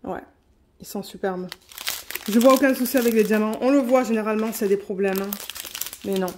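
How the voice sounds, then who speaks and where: A woman vlogging an unboxing in a quick, chatty way, reading out color numbers at home. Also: medium pitch, a little mellow, slight background noise. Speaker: diamond painting vlogger. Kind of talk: casual unboxing chat.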